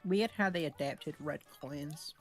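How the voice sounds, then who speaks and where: Kiwi woman, low voice, wry blunt sidekick to a gamer. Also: unhurried, soft background music. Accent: New Zealand. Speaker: co-player friend. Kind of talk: casual chat during a game.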